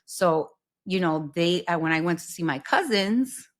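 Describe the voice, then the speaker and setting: A woman in her thirties from South Florida, chatting casually as a podcast guest, animated and dropping in Spanish phrases. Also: on the low side, a little slow. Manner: animated, mixes Spanish phrases, many fillers. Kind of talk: casual interview chat.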